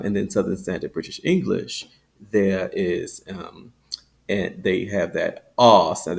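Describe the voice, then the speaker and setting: A man teaching a phonetics lesson, explaining with fillers and stretching out example words slowly. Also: deep voice, gravelly. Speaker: accent teacher.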